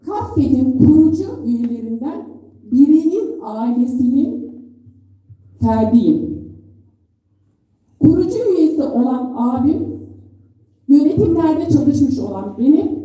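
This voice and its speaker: A middle-aged woman delegate giving an earnest, measured speech into a lectern microphone at a general assembly, pausing between phrases. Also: high voice, dark tone. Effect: speaking into a lectern microphone in a hall. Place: assembly hall. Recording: echoey hall, voice from far off.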